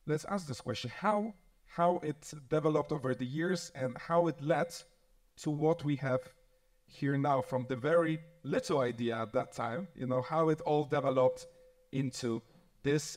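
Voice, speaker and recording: A man moderating a conference panel, introducing guests politely and hesitantly with many fillers. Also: medium pitch. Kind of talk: formal event hosting.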